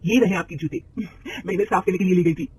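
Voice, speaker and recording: A polite, sensible young wife from a cartoon story, as a man puts her on. She speaks with a lifted pitch, gently and a little hesitantly. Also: steady tone, fast talker, noisy background, natural voice.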